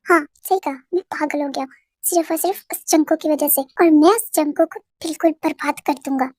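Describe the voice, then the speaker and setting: A woman's voice: sits high, fairly quick, darkish tone, no room sound, voice pushed down, natural voice. A woman voicing an obsessive, vengeful young man who makes gloating, cold threats in a fan audio drama. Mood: menacing.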